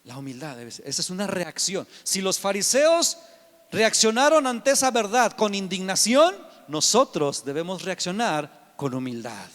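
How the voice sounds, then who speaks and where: A man preaching a sermon emphatically, swinging from shouts to hushed whispers. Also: sits high, big pitch swings, normal speed, long reverb tail.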